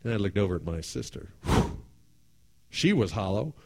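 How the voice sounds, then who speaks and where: A man telling a personal story in an animated way, acting out voices and laughing often. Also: deep voice, normal speed, slightly rough.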